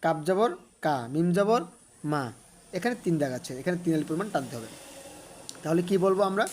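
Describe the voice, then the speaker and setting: A man teaching a Quran reading lesson in a patient, measured voice. He names each letter and vowel sign one at a time. Then he draws out the joined syllables in a sung recitation tone. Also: fairly high pitch, lively intonation, darkish tone, a little hiss or hum.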